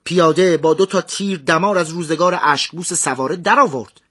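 A man's voice: on the high side, sharp tone. A man voicing a shaken enemy commander who complains in dismay about a defeat. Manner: dismayed, questioning.

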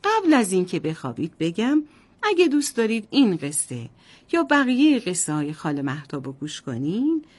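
A woman's voice: medium pitch, wildly swooping pitch. A woman storyteller narrating a bedtime story to children in a sing-song voice, often addressing them directly.

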